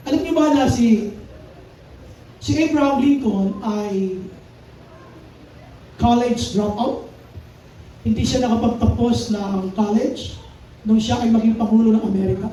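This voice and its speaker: A man's voice: extremely high pitch, dark tone. A male pastor preaching a sermon, mixing Tagalog and English and reading scripture aloud. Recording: very echoey hall, mic far off, faint noise.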